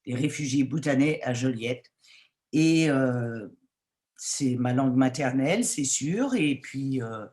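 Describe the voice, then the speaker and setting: Woman storyteller, slow pace, chatty anecdotes on a call. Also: low-pitched. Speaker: guest storyteller and writer. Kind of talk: webinar panel talk.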